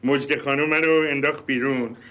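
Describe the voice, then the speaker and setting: A man's voice: medium pitch, fairly even intonation, fairly bright tone, natural voice, rough recording. An actor playing a foolish, cheerful man in a TV sitcom, talking in a playful, teasing way. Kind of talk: TV sitcom acting.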